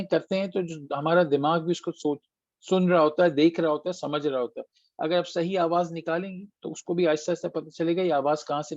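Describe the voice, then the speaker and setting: The voice is high-pitched and a little mellow, belonging to a man giving an online tajweed lesson that answers students' questions. Patient and methodical, he demonstrates sounds and mixes in English phrases, and the call audio is dull and dry with no echo.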